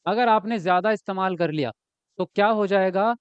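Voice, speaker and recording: A high-pitched man with a clear, resonant tone teaches at a moderate pace in a live online exam-prep class. There's no echo, though the highs are cut off. He explains step by step, answers his own questions, and reads viewer comments aloud, talking to the people who wrote them.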